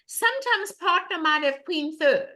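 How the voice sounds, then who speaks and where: This bridge teacher, an older woman, runs an online lesson from home and is heard through a webcam. Her loud voice is high and bright, expressive and unhurried, and she hammers home points and repeats her questions to the class.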